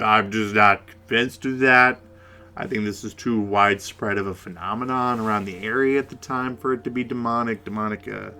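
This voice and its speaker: A man co-hosting a conversational paranormal case discussion, speaking in a halting way and repeating words. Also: fairly low pitch, pushed and bright, a little hiss or hum. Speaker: podcast co-host.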